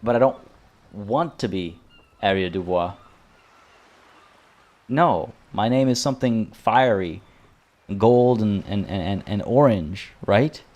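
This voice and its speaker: A streamer's lowish, darkish voice comes through with the highs cut off, slow and full of long pauses but with lively intonation. Chatting with viewers over his game, he rambles tangentially, restarts often and says he's losing his voice.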